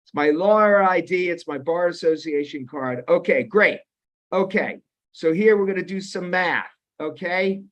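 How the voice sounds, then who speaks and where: A man's voice: high-pitched, moderate pace. Rambling fifty-something man on a muffled call. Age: 50s. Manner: rambling, restarts often, quizzes the audience. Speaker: webinar moderator and lawyer. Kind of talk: casual online webinar talk. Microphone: video call. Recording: muffled lo-fi video call audio.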